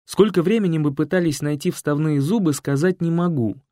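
A man narrating a humorous first-person story in a lively storytelling way. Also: a little high, fairly quick, no echo, studio quality.

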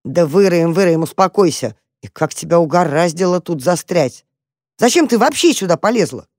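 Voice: medium pitch, moderate pace, no echo, clean studio sound, lightly acted. Narrator doing a plucky little boy mouse. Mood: eager, impatient. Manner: lively, bossy, impatient. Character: brave curious young male mouse.

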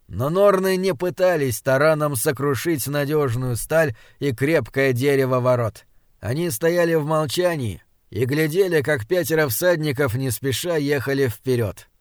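A man's voice: a little high, normal speed, dry recording. Man narrating fantasy audiobook, dry close sound. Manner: steady, dramatic reading. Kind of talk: scripted narration.

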